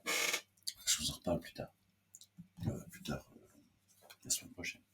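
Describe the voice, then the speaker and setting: A man's voice: unhurried, background noise. A man hosting a literary stream, reading book excerpts aloud and adding hesitant, casual comments with many fillers and restarts.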